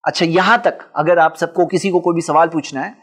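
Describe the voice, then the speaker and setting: Man, high voice, religious talk, answering questions, explanatory. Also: fairly even intonation, a little fast. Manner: explanatory, lists examples. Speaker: speaker answering audience questions.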